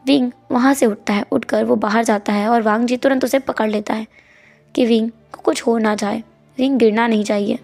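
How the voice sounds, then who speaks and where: A woman's voice: a little high, creaky, a little mellow. A woman retelling a story in a chatty, casual way, mixing in English words.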